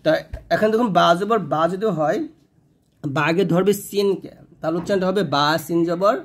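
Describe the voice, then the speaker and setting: Man drilling Arabic letter sounds. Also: high voice. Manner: drills letter sounds slowly, then explains quickly. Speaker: Quran reading teacher. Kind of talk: step-by-step recitation lesson.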